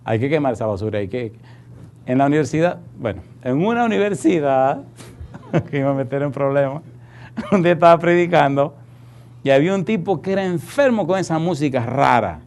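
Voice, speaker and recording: A male pastor preaching a sermon, telling anecdotes in a folksy way and building to loud, forceful exhortation. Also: fairly high pitch, expressive, a little fast, slight background noise. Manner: folksy storytelling, calls listeners "compadre".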